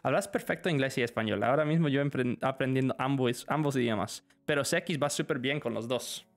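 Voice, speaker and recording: A man's voice: mid-range voice, a little fast. Man, live stream English lesson, switches languages, answers chat, faint music underneath. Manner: switches between Spanish and English, reads questions aloud.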